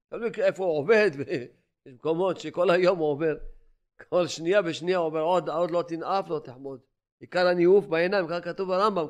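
Older man preaching a Torah lesson. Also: sits high. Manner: emphatic, repetitive preaching with rhetorical questions; shifts between loud exclamations and quiet asides. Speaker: rabbi.

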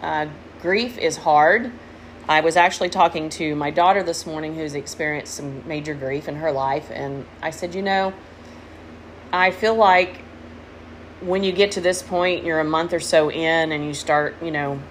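A woman's voice: deep voice, a little slow. A middle-aged woman hosting a podcast as a casual, candid, rambling personal monologue, recorded in a room with fans running. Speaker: podcast host. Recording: noisy, window units and fans humming.

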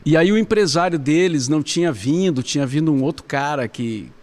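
A man's voice: on the high side, lively intonation, brisk, a little mellow. A man hosting an interview, asking questions and recalling events in a conversational way. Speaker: interviewer host. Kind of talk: podcast interview.

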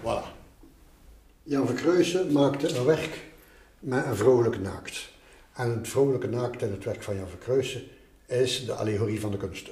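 In a casual interview, an older art collector with a Flemish accent shares stories and explanations, leaning on repeated little tags. He talks at normal speed in a medium-pitched, darkish voice; the recording has roomy echo, music behind, and a bit of hiss or hum.

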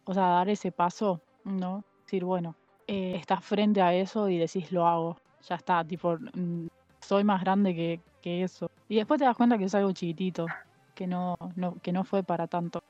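A woman's voice: fairly low pitch, fairly even intonation, moderate pace, darkish tone, no room sound. A young woman co-hosting a casual podcast chat, talking hesitantly with many fillers and restarts. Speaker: podcast co-host. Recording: dull muffled sound with faint music.

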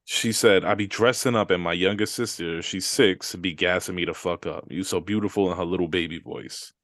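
A man's voice: sits low, steady tone, moderate pace, a bit bright, no echo, studio quality. A man co-hosting a podcast, talking in a laid-back slangy way and reading listener comments aloud. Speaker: podcast co-host. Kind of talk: casual chat.

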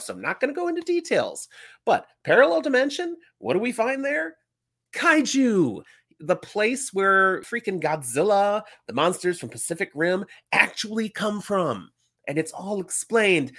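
A middle-aged man hosting an informal, enthusiastic solo book podcast, his voice slightly congested and stuffy from a cold. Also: on the high side. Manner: informal, emphatic, animated. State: getting over a cold. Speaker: podcast host.

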